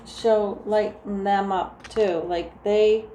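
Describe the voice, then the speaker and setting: A woman with a New Jersey accent doing a casual tarot reading, talking softly and meandering through restarts. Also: mid-range voice, fairly even intonation, takes it slowly. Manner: soft, meandering, full of restarts and "like". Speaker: tarot reader. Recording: echoey room with faint ambient noise.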